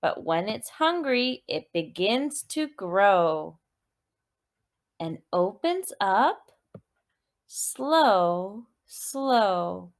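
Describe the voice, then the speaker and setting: A woman with a mid-range voice, working as a teacher, reads a children's movement story. She reads deliberately and expressively, repeating words and asking questions to prompt listeners.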